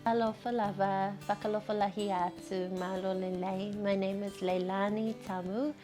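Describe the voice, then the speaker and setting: A woman's voice: mid-range voice, steady tone, normal speed, dark tone, soft background music. A woman presenting a book review segment, speaking directly to the audience.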